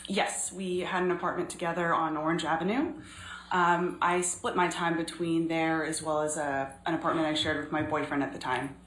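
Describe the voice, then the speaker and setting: A woman in her thirties giving measured, earnest courtroom testimony as a witness, pausing often. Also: deep voice, little pitch movement, a bit bright. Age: 30s. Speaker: trial witness. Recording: echoey courtroom recording, faint noise.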